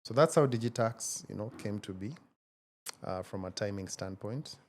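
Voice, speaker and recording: A man in his forties, speaking as an interview guest in a measured, reflective way with frequent hesitations. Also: fairly low pitch, darkish tone, a little hiss or hum. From Kenya. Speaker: guest, tech founder. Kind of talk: casual interview conversation.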